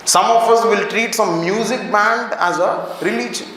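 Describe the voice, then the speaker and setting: High-voiced Indian man lecturing in an echoey classroom. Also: moderate pace, a bit bright. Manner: questioning the class, answering his own questions. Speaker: anthropology teacher. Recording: very echoey classroom, faint background noise.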